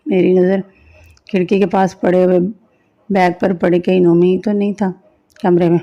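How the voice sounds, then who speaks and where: A woman narrating a first-person dramatic story in a slow, steady reading. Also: on the low side. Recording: dull lo-fi recording.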